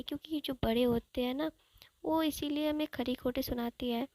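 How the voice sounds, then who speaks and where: Woman storyteller, chatty retelling, high voice, gravelly, dry close sound. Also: darkish tone, dry recording, low-quality recording. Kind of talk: casual fan-fiction storytelling.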